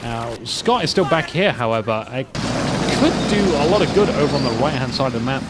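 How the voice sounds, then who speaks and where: A man's voice: medium pitch, expressive, a little fast. A man casually commentating a strategy war game, rambling with joking asides. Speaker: gameplay commentator. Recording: loud game gunfire underneath. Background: gunfire and vehicle noise from the game.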